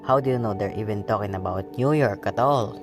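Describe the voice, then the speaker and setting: A man playing a stolid, patronizing police desk sergeant in a radio play, placating and unhurried. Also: fairly low pitch, over music, close to an everyday voice. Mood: dismissive, reasoning.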